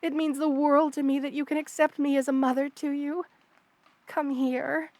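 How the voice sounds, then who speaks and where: Touched and loving, her high-sitting voice stays level and a little mellow as she lightly acts a kind spider queen who protects the listener. This woman's ASMR roleplay is intimate and soothing, with formal phrasing and hesitant pauses.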